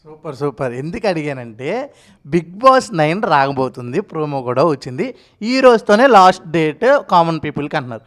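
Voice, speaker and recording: A man hosting an interview, enthusiastic and quick to praise his guest. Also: a little high, big pitch swings. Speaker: interviewer host. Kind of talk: casual interview.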